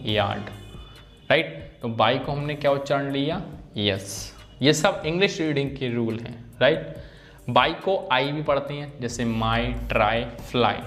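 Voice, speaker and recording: A man teaching an English phonics lesson, repeating example words and often checking in with his students. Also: medium pitch.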